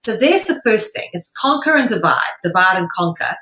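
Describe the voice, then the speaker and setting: In an echoey room with slight background noise, this interview guest and online show presenter speaks briskly in a mid-range voice that is animated, pushed and bright. She lays out her ideas at length, earnest and emphatic, almost lecturing.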